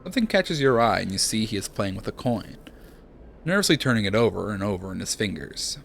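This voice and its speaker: A young man streaming a narrative game, reading its text aloud in a hushed, dramatic way and chatting with viewers. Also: lowish voice, sing-song, fairly quick, vocal fry, slight background noise.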